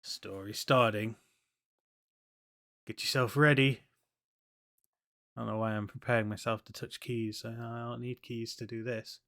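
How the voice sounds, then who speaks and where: A man's voice: medium pitch, fairly even intonation, measured pace, vocal fry, pauses often, a bit bright. A man hosting a livestream with casual, rambling, sarcastic commentary on a game show. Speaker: livestream host.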